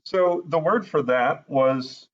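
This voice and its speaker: A man's voice: on the high side, takes it slowly, highs cut off. A man teaching in a casual, thinking-aloud way, with many fillers as he sounds out words. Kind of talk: casual explanatory lesson.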